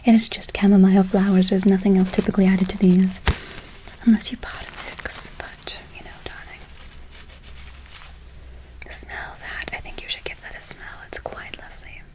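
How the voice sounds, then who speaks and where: In a mellow, medium-pitched whisper with flat delivery at normal speed, a woman plays a calming witch casting a good luck spell for ASMR, drawing out repeated words and terms of endearment. Audio quality is poor.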